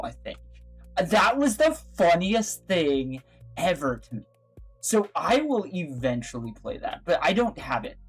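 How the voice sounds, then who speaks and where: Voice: mid-range voice, breathy edge. A livestream radio host chatting casually with viewers, rambling, giggling often and apologizing a lot.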